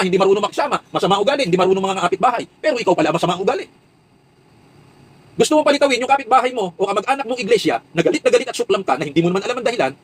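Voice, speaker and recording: A man's voice: sits high, breathy edge, poor audio. A man delivering an impassioned commentary monologue, preaching with rhetorical questions and repeated emphatic lists.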